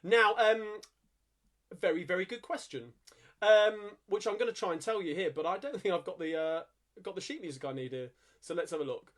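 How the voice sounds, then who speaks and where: High-voiced London man hosting a singalong. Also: normal speed, a bit bright. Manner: chatty and upbeat, breaks into music-hall singing. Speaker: singalong host and pianist. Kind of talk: casual live-stream chat with singing. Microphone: home streaming mic.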